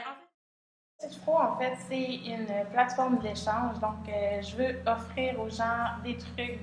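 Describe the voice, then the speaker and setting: A woman presenting her project to the camera, speaking hesitantly with many fillers. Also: a little high. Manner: nervous, hesitant, with filler words. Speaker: host. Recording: echoey room with music.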